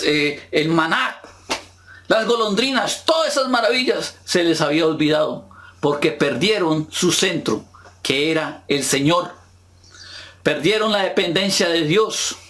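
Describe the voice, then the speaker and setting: A male pastor delivers a sermon in a notably high voice. He speaks slowly and deliberately, leaning on rhetorical questions to the congregation. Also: fairly bright tone. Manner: slow, emphatic preaching with rhetorical questions to the congregation.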